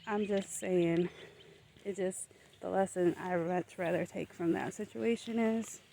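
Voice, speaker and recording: A woman vlogger talking in an unhurried, reflective and gently motivational way while walking up a hill outdoors, recorded on a phone. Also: lowish voice, fairly even intonation, vocal fry, slight background noise. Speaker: lifestyle vlogger. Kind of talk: casual reflective vlog monologue.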